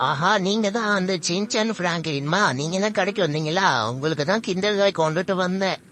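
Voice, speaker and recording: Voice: medium pitch, fairly quick, fairly bright tone, natural voice. A performer voicing a friendly shop owner who politely makes an offer in a fan game dub.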